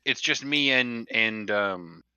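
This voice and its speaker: A man's voice: on the low side, animated, slow, pushed and bright, clear, resonant tone, dry recording, dull audio. A man playing a tabletop game over a call, eager and jokey. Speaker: player. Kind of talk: casual tabletop play.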